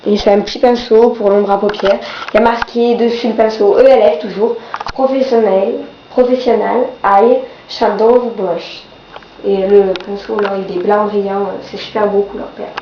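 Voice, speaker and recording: A woman's voice: medium pitch, steady tone, normal speed. A young woman with a blocked-nose, sore-throat voice from a cold, casually reviewing products in a vlog. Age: teenager or young adult. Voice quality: congested, blocked-nose nasal voice. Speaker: beauty vlogger. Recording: dull, roomy, faint background noise.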